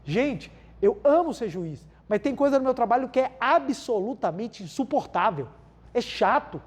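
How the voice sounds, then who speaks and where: With a very high, husky, animated voice at a moderate pace, a Brazilian-accented spiritual lecturer fills his talk with everyday stories. He keeps calling out "gente" to the audience and repeats key phrases for emphasis.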